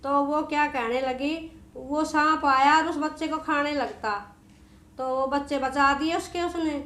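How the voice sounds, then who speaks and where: A woman storyteller narrates a devotional folk tale in a homely, conversational manner, often repeating herself. Her voice is high-pitched. The room gives it a noticeable echo. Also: fairly even intonation, a little slow, a bit bright. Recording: echoey room.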